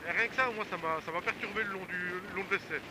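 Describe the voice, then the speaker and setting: Man talking loudly over roaring wind. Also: sits high, fast talker. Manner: slangy, mildly swearing, hesitant. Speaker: motorcycle vlogger. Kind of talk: casual rambling vlog chat while riding. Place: outdoors, riding a motorcycle. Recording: loud wind and engine noise on helmet mic.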